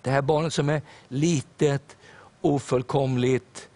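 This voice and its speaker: A man's voice: mid-range voice, steady tone, warm tone. An older man, a pastor, preaching a sermon in an earnest storytelling way with hesitations and fillers.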